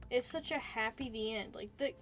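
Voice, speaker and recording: A woman's voice: a little high, normal speed, fairly bright tone. A woman casually improvising a story in a rambling, giggly, playfully mock-earnest way. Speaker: narrator pitching a made-up movie plot.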